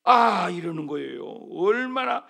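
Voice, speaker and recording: Male pastor, sermon, high and gravelly voice, wildly swinging delivery, sudden loud exclamations. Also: measured pace. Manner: animated, exclaiming preacher with sudden loud bursts. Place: church sanctuary.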